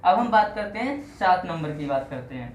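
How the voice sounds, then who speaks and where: A teacher walks through a lesson by asking questions and answering them right away, repeating each term for drilling. The voice sits at a middle pitch. It is recorded in an echoey room with a faint hiss underneath. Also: sing-song, moderate pace. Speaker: online teacher of exam prep. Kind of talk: Hindi lesson on Sanskrit phonetics.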